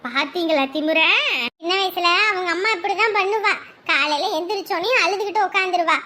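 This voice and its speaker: A doting, chatty grandmother in a homely family drama, played by a woman. Her voice sits very high and sounds bright and sharp. She talks on and on, fondly remembering old days. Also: a little fast. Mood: fond, gossiping. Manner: chatty, reminiscing.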